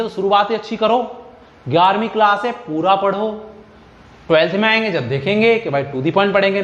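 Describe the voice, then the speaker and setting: A man's voice: high-pitched, a bit bright, echoey room. A man giving a chemistry lecture, teaching by repeating points and quizzing students with questions. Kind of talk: classroom lecture.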